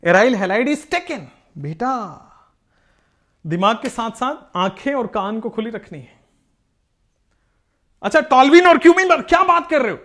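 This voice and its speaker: A man's voice: extremely high pitch, a little slow, pauses often. A man teaching chemistry in a live online class. He jokes with the students and calls them "beta". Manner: animated, joking, talks to students as "beta".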